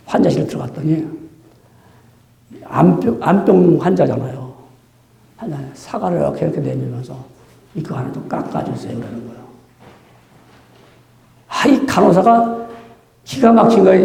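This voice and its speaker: A man's voice: on the high side, creaky, dark tone. A male pastor giving a conversational sermon, asking rhetorical questions and acting out quotes. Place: church sanctuary. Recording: echoey church room.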